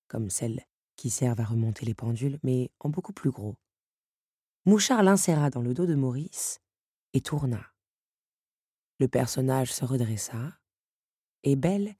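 A woman narrating a story in an expressive storytelling manner. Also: extremely low pitch, slightly rough, no echo, clean studio sound. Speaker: audiobook narrator. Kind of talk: scripted narration.

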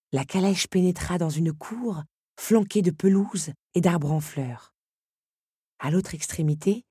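A woman narrator reading a storybook aloud in a measured, expressive way. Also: fairly low pitch, husky, no room sound, clean studio sound.

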